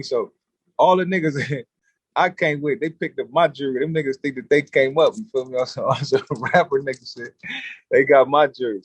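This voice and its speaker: Man, husky, dry recording, streetwise slang, animated storyteller, guest on a podcast. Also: medium pitch, dry recording, rough recording. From California. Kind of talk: casual storytelling.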